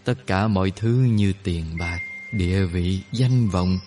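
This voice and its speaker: A man voicing a calm, wise older male healer who explains things slowly and gently. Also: deep voice, music in the background. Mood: serene. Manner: slow, gentle, instructive.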